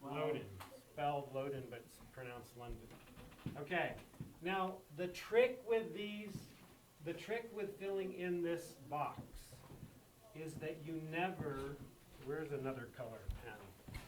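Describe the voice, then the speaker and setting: Man teaching math to a class, higher-pitched, emphatic, recorded from across an echoey classroom. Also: slow pace, far from the mic, slight background noise. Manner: repeats key points with emphatic checks. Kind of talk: classroom lesson.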